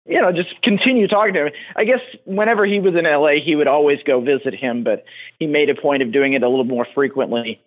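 A man calling in to a talk show over a phone line, speaking casually and haltingly with many restarts. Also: a little high. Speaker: caller. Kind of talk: casual call-in chat.

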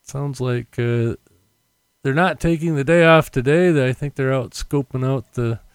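A man's voice: medium pitch, measured pace, clean tone, no echo. A middle-aged American man chatting casually and unscripted as a podcast host, rambling and correcting himself, with popping p sounds on a condenser mic. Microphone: condenser mic without windscreen.

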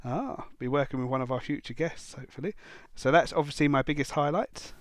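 A man's voice: a little high, a little fast, no echo. A man hosting a wildlife podcast in casual chat, jokey and self-deprecating, reading out listener messages. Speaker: podcast host.

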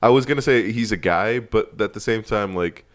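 A young man co-hosting a podcast, chatting in a relaxed way full of fillers. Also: lowish voice, moderate pace. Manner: relaxed, filler-heavy rambling. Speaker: podcast co-host. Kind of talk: casual chat.

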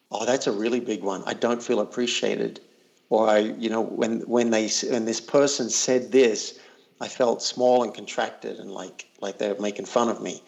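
A man's voice: mid-range voice, creaky. A man working as a coach, talking earnestly and reflectively in a casual interview, often repeating words as he thinks.

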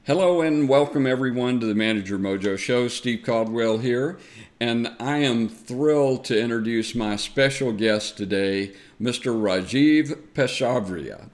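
A man's voice: mid-range voice, normal speed. A man with a Southern US accent hosting an interview show, chatty and upbeat, with lots of uh fillers. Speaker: podcast host. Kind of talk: friendly conversational interview.

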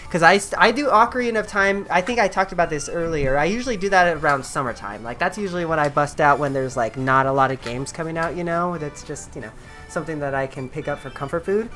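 A woman's voice: low voice, fast talker, fairly bright tone, faint music behind. A woman hosting a podcast, chatting casually and rambling with many fillers. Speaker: podcast host.

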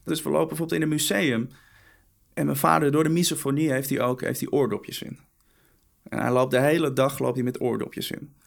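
A man's voice: mid-range voice, steady tone, fairly quick, creaky. A young man interviewed for a documentary, talking hesitantly and often repeating words as he speaks of his father. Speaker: interviewee, son.

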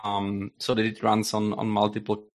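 A man's voice: fairly low pitch, monotone, normal speed. Man on a glitching, cutting-out call. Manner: hesitant, many fillers and restarts. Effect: audio glitching and cutting out on an internet call. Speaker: game developer guest. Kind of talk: casual interview over a voice call. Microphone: voice chat connection.

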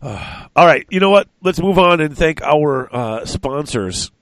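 A man's voice: a little high, expressive, a little slow, a bit bright, no room sound. A middle-aged man co-hosting a podcast in casual, rambling chat, congested and short of breath from a chest cold. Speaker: podcast co-host.

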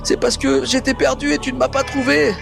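A man's voice: extremely high pitch, flat delivery, brisk, vocal fry, voice pushed up, full character voice. A man voicing a lost, pitiful young son reproaching his father in a tabletop game, over music. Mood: accusing, tearful. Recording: music behind the voice.

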